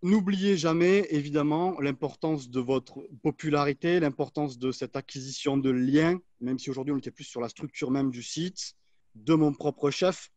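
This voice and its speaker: A man's voice: a little high, no echo, muffled recording. A man on a webinar panel giving expert advice in an assertive, structured way over a video call. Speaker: agency manager, panelist.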